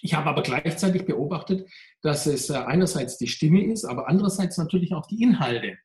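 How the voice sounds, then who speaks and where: A man's voice: a little high, animated, a little fast, a little mellow. A man, a coach and workshop speaker, answering interview questions reflectively, his voice pressed and tense. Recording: roomy echo.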